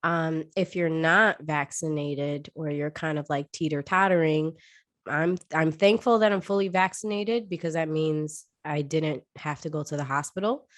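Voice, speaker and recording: A woman's voice: low-pitched, normal speed, no echo, studio quality. A woman co-hosting a casual podcast, jokey and self-deprecating, sounding very nasal and congested from being sick, as if her nose were pinched. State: sick with covid. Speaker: podcast co-host.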